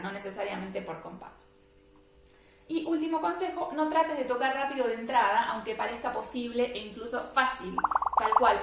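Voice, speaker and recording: A woman's voice: fairly high pitch, fairly bright tone. A woman teaching violin step by step, patiently explaining and checking in with her students. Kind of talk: step-by-step music lesson. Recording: very echoey room.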